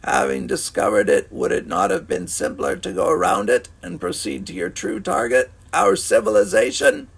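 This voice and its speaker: A man voicing a solemn alien leader with a raspy voice, speaking slowly and deliberately. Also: sits high, sing-song, pitched above the performer's own voice, exaggerated voice. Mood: grave. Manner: slow and deliberate.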